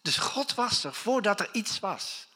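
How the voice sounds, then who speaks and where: A middle-aged man preaching a conversational, animated sermon as a pastor, often restarting his sentences. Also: high-pitched, unhurried.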